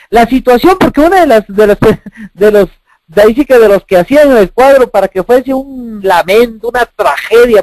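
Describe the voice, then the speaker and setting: A man delivers a sermon in a very high, animated voice that swoops up and down. He preaches emphatically, repeating phrases and asking rhetorical questions. The recording is dry and close. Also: no room sound, rough recording.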